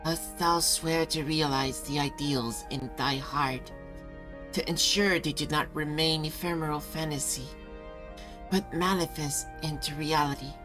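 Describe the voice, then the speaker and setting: An ancient regal spirit speaks slowly in a low, dreamy, distant voice that echoes in the mind. Each word sounds solemn and ceremonial, in old-fashioned phrasing. Game music plays behind it. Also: female voice, steady tone. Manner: solemn, archaic, ceremonial speech. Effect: dreamy distant voice echoing in the mind. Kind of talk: video game voice acting.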